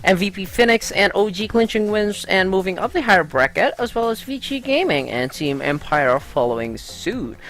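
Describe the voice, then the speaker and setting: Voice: mid-range voice, expressive, moderate pace, hardly any pauses, a bit bright. A gaming vlogger from the Philippines, chatting casually and upbeat through gaming news with frequent "uh" fillers.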